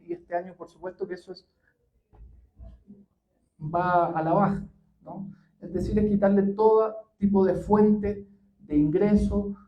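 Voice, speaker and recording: A history professor giving a public talk, unhurried and full of pauses and fillers. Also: male voice, sits high, lo-fi sound. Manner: measured, many pauses and fillers.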